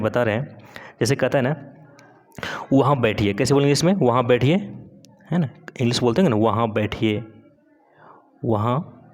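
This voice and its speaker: A man from India teaching English grammar in Hindi. He keeps asking "है ना?" and reads the example sentences out slowly. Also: medium pitch.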